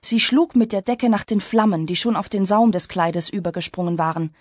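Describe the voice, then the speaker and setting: A woman reading a story aloud in steady, measured scripted narration. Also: mid-range voice, no room sound, clean studio sound. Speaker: audiobook narrator.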